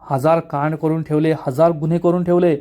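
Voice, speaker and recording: A stern, powerful politician father scolds his wayward son with open contempt, read by a man. The voice is mellow in tone and somewhat high. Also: level tone, a little fast, lightly acted. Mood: scolding.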